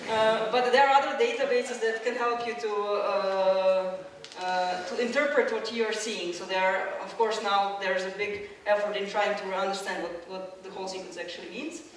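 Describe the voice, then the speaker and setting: A woman's voice: medium pitch, moderate pace, hardly any pauses. A woman from Croatia delivers a public science lecture, explaining as she goes and restarting her sentences often. She is picked up from some distance in a strongly reverberant hall. A faint room hum sits underneath. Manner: explanatory, with many fillers and restarts. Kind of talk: public science talk with slides. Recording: echoey hall, mic at a distance.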